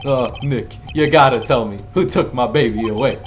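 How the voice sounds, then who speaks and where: A man's voice: medium pitch, moderate pace, a little mellow, close to an everyday voice. A man voicing a melodramatic, despairing young man accused of murder in a video game. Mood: distraught, pleading. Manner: wailing, dramatic. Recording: music behind the voice.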